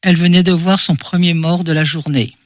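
A male narrator reads a historical novel in a measured, expressive manner. His voice sits high for a man. The recording is dry and close. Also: no room sound. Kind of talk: scripted audiobook narration.

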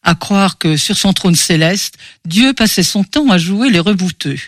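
A man narrating a novel in a measured, expressive way. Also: sits high, dry recording, clean studio sound. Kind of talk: scripted audiobook narration.

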